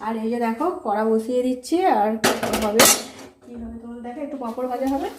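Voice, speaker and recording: A hoarse woman chatting casually to her viewers as friends while cooking at home. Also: on the high side, fast, reverberant, heavy background noise. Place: home kitchen. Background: frying and sizzling.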